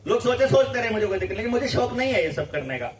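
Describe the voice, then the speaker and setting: A man's voice: very high voice, big pitch swings, quick pace, crowd noise. A man leading a campaign, speaking informally to a gathering, emphatic and repetitive, firing off rhetorical questions. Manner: emphatic, repeats phrases, rising rhetorical questions. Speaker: campaign leader addressing supporters. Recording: echoey room, voice from far off.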